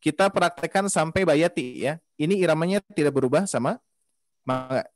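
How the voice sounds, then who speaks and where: Over a video call, a male teacher leads an online Quran recitation class, singing the tones and going through melody drills slowly and patiently, one step at a time. His voice is on the high side, and there's no echo.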